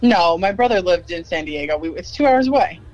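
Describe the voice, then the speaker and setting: High-voiced, chatty man co-hosting. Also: animated, brisk, dry recording, muffled recording. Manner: eager, chatty, says "like" a lot. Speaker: podcast co-host. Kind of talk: casual chat.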